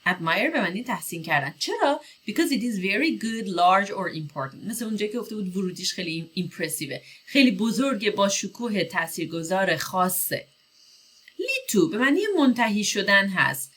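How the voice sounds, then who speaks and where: A woman with a Persian accent teaching English vocabulary, explaining each word and reading English phrases slowly and clearly. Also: medium pitch, very animated, fairly bright tone. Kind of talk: vocabulary lesson.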